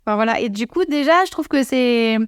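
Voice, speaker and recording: Chatty young French woman, smooth voice. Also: on the high side, lively intonation, fairly quick, no echo, studio quality. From France. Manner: chatty, slips into playful English put-on voices. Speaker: guest. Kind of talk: casual podcast chat.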